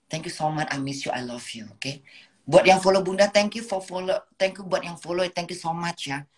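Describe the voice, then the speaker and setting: A woman's voice: lowish voice, moderate pace. A woman, chatting casually on a phone live stream and reading viewer comments. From Indonesia. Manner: chatty, meandering, talks to viewers, refers to herself as Bunda. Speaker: livestream host.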